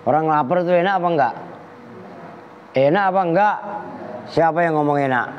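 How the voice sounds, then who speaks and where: A kyai gives a lively Islamic lesson, teasing his students by name as he goes. His voice rings with a long reverb in a large hall. The recording is lo-fi and dull, with a faint room hum. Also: on the high side, brisk. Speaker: kyai teaching a kitab class. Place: pesantren hall.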